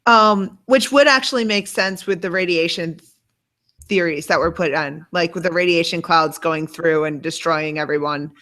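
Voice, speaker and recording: A woman's voice: lowish voice, normal speed, a bit bright. A woman co-hosting a casual book club discussion, talking things through with chatty asides and fillers. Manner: chatty, thinks aloud with fillers. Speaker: book club co-host, scientist.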